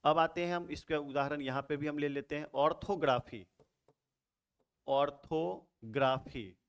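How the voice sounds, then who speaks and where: A man teaching English grammar in a Hindi lecture, asking rhetorical questions and answering them himself, repeating key terms slowly. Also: fairly high pitch, fairly even intonation, smooth.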